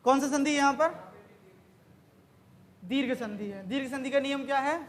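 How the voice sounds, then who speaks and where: High-voiced woman teaching grammar. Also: normal speed. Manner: quizzing, asks then answers her own questions. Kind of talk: exam-prep grammar lesson.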